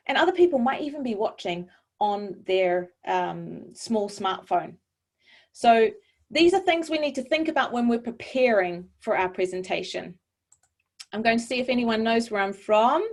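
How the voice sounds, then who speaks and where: A woman from New Zealand, her accent softened by long years in Europe, coaching a webinar audience in a clear, measured, encouraging way over a video call. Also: on the high side, lively intonation. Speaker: webinar presenter. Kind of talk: online presentation coaching.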